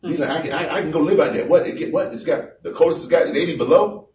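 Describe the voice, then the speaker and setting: A man's voice: on the high side, darkish tone. Conversational male preacher, echoey and distant. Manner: conversational, reads scripture slowly and emphatically. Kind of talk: sermon. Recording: echoey room from far off.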